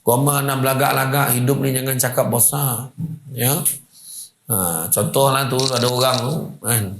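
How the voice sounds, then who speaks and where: A man giving a lively religious lecture, telling stories and acting out the people in them with big swings of pitch. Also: moderate pace, roomy sound, a little hiss or hum. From Malaysia. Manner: animated, swings pitch widely, acts out quoted people. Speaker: preacher. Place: madrasah hall.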